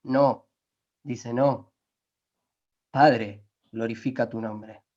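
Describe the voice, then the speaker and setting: A man preaching a sermon, emphatic, slowing down to quote scripture and asking his listeners rhetorical questions. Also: medium pitch, fairly even intonation, darkish tone. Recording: dull lo-fi recording.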